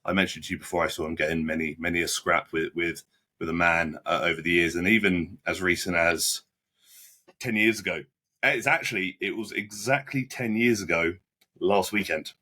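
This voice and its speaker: Husky-voiced young man telling a story. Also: sits low, bright, forceful tone. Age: 20s. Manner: halting, frequent restarts and repeated words; blunt, plain-spoken with British slang. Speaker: podcast guest. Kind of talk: casual interview storytelling.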